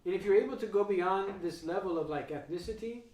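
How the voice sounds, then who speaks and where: A man's voice: sits high, fast talker, darkish tone, far from the mic. Chatty man in an echoey room. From United States. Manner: rambling, thinks aloud with many fillers and restarts. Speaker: economics and philosophy host. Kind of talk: casual conversational interview.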